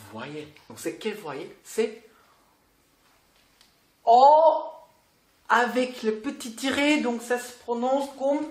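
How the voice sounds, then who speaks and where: This South Korean language teacher, whose first language is Korean, runs an online lesson at an unhurried pace with a lively pitch. Patiently, she repeats sounds and frequently checks in with the learner, recorded in a roomy, echoing space.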